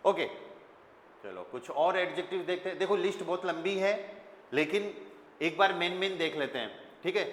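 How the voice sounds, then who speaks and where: A man's voice: high voice, normal speed, fairly bright tone. Indian man teaching a class in a reverberant room. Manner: explains and quizzes students, spells words out letter by letter. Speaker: German teacher. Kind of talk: classroom lesson. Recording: echoey classroom with long reverb, faint room noise.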